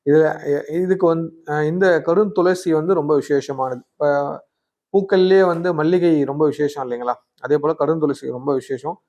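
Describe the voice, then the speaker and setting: A man's voice: on the high side, moderate pace, dark tone. A man, an astrologer giving a weekly horoscope, chatty and coaxing, often scolding his viewers with rhetorical questions. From Tamil Nadu, India. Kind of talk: weekly horoscope talk to camera.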